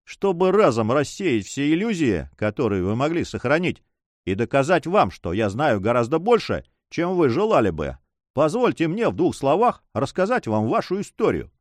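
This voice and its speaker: A man's voice: medium pitch, very animated, moderate pace, no echo, lightly acted. A man voicing a cool, mocking male pirate captain who speaks with dry sarcasm, in an audiobook reading. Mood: coldly sarcastic. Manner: ironic, coolly sarcastic.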